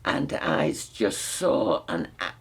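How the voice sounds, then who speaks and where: Very old, creaky Northern English woman. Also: extremely low pitch, animated, slow pace. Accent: mixed Northern English, Lancashire. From Salford, north of England. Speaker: interview guest. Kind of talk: reminiscing life story in conversation.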